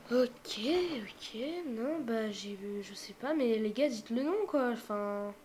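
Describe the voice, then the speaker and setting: A woman's voice: on the high side, animated, takes it slowly, darkish tone, slight background noise. Young woman musing through a live reaction. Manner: musing aloud, many fillers, drops to whispers. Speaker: streamer reacting to a game showcase. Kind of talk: casual live reaction commentary.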